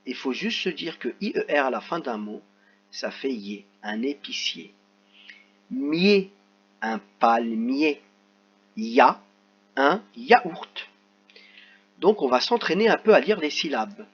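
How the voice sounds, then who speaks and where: Man, teacher, children's reading lesson, slow sounded-out words, husky voice, lo-fi recording. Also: fairly high pitch, very animated. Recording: slightly dull lo-fi sound.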